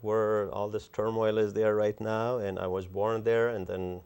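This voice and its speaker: Afghan-born guest in his sixties, earnest interview talk, low gravelly voice with a resonant edge. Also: flat delivery, darkish tone. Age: 60s. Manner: earnest, effusive, halting with fillers. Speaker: guest author. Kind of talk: interview conversation.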